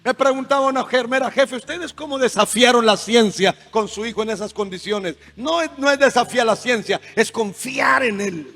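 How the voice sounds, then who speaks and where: A male pastor preaching with passion, swinging between shouts and quiet asides. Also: extremely high pitch, normal speed, few pauses. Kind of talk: sermon. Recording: music underneath, long reverb hall.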